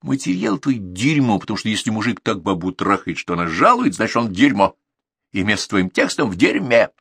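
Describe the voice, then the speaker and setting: A man voicing a crude, bullying middle-aged male chief editor who yells hoarse insults. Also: lowish voice, big pitch swings, a little fast, dry recording, exaggerated voice. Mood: contemptuous.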